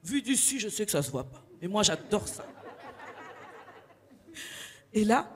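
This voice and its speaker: A young woman from Congo doing stand-up comedy, telling stories in slangy animated bits. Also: mid-range voice, unhurried, big-room sound, a little hiss or hum. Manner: animated storytelling, street slang.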